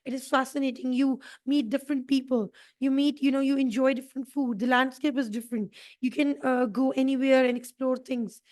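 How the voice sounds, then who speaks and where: High-voiced woman explaining with fillers. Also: fairly even intonation, a little fast, hardly any pauses, darkish tone. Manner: thinking aloud with many fillers. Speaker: English teacher. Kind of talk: online class explanation.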